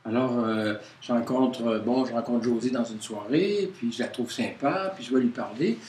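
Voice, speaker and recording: A man with a Quebec French accent leads an informal workshop, talking to a small group in a halting way full of hesitations and restarts. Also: mid-range voice, darkish tone. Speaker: workshop leader. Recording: roomy, distant mic with faint noise.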